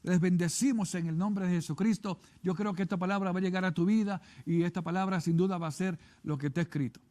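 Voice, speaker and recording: A man's voice: high voice, fairly even intonation, fast, a little mellow. A man preaching a televised sermon as a pastor, emphatic and urgent, often repeating himself and urging listeners to read the scripture, with a Puerto Rican Spanish accent.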